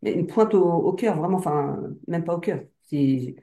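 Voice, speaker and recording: Hesitant woman with a mellow voice. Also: lowish voice, lively intonation, normal speed. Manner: hesitant, full of fillers and restarts. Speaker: hypnosis client. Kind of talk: casual personal account. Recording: roomy echo.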